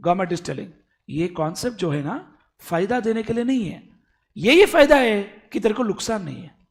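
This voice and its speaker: A man teaching a tax lecture, animated and fond of addressing his students as "beta". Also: high voice, normal speed. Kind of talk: classroom lecture.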